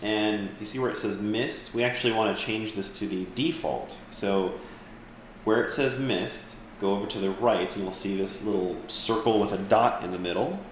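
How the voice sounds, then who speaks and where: Echoey low-voiced man teaching software. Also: normal speed, a little hiss or hum. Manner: relaxed, rambling, with fillers and restarts. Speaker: instructor. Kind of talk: live class software tutorial.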